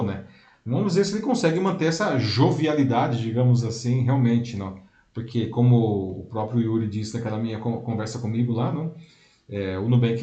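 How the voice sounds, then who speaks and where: A man with a mellow, darkish voice talks through the topic as co-host of a live show. He explains at length and keeps checking in with little tag questions. The sound is roomy and echoey. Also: mid-range voice. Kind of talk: casual commentary on a live show.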